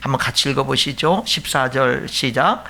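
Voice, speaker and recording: A man preaching a sermon as pastor, earnest and repetitive, dropping to hushed tones for emphasis. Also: mid-range voice, normal speed. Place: church sanctuary.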